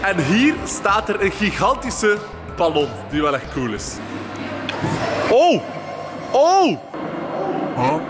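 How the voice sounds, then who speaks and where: A man's voice: high-pitched, very animated, slow pace, long pauses, loud music behind the voice. A man chatting casually and commenting as he films a vlog. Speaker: vlogger filming a hide-and-seek game. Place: large industrial hall indoors.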